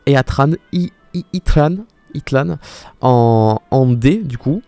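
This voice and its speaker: A man's voice: medium pitch, lively intonation, slow pace, warm tone, no room sound, faint music behind. A young man streaming live in casual commentary, exclaiming often and talking back to his viewers' chat.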